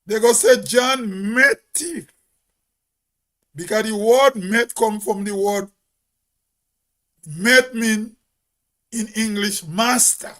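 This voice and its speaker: A man's voice: sits high, takes it slowly, pauses often, a bit bright. A Grenadian man giving a spoken commentary in an emphatic, preachy way, as if on radio.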